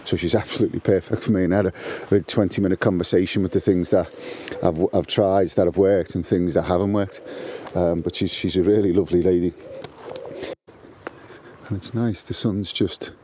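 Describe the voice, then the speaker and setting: A man's voice: low voice, steady tone, fairly quick, mellow, a little hiss or hum. A man talking casually while walking his dog on a canal towpath, rambling with many restarts. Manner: rambling, with frequent restarts and fillers. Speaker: guest contributor. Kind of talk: casual walk-and-talk monologue. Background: birdsong.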